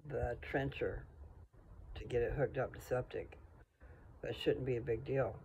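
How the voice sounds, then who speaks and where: A man's voice: mid-range voice, creaky, darkish tone, slight background noise. A man talking in a casual, folksy, rambling way, thinking aloud as if to someone he knows. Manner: folksy, informal, thinking aloud with trailing asides.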